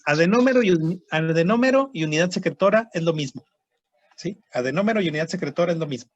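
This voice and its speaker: A man's voice: on the high side, expressive, quick pace, muffled recording. A man teaching a histology class online, explaining step by step and checking in with students. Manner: explanatory, repeats terms, frequent "¿sí?" and "¿verdad?" checks.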